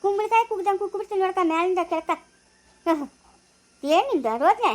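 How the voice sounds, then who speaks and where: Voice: very high-pitched, a little fast, noisy background. A girl playing a flustered village woman looking after a crying baby in a family skit. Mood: fretful. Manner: fretful, complaining.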